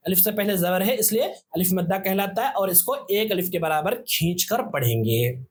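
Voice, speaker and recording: A man's voice: high-pitched, slight background noise. A man teaching a Tajweed lesson step by step, patiently repeating and stretching out letter sounds.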